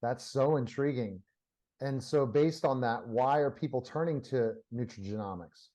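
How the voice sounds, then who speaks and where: A man's voice: mid-range voice, moderate pace, dark tone, poor audio. A man hosting an interview, asking questions and reacting with enthusiastic, affirming interest. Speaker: interview host.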